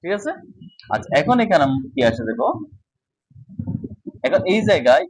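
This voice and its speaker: A man's voice: fairly high pitch, very animated, normal speed, slightly rough, no echo, rough recording. A man teaching a casual whiteboard lesson, explaining step by step and often checking that students follow.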